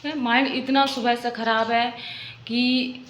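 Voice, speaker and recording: A woman's voice: fairly high pitch, level tone, measured pace, a bit bright. A young woman in a casual vlog, venting at length in a rambling, aggrieved way and often tagging questions at the listener. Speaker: vlogger, mother. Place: rented room at home. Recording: echoey room, faint background noise.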